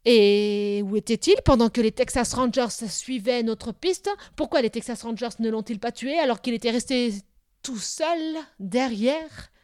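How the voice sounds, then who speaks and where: A woman voicing a hateful older male shaman in a storybook reading, shouting accusations. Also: a little high, a little slow, clean tone, dry recording, clean studio sound, lightly acted. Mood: accusing.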